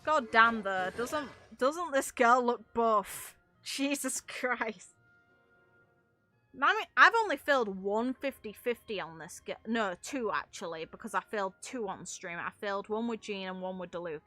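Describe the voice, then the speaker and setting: With faint music in the background, this young woman streamer talks with her viewers in a casual, meandering way, sprinkling in mild swearing. Her pitch is fairly high and her tone sharp, and she sounds expressive at a measured pace.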